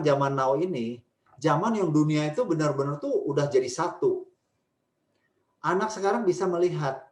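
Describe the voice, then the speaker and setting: A man answering questions as a speaker in a church family webinar, talking emphatically and stressing points with pitch. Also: echoey room. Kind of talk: webinar Q&A talk.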